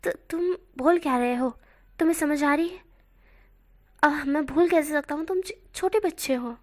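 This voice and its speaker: A flustered grown man who lectures in halting bursts, stopping and restarting. A woman reads him in a storybook telling, with her voice staying high and light. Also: natural voice. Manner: halting, full of fillers. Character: adult man, stern guardian figure.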